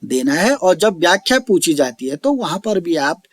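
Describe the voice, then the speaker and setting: A man teaching an online lecture, slowly explaining each term and repeating it, reciting verse lines drawn out. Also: high voice, big pitch swings, no room sound, studio quality. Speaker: Sanskrit teacher.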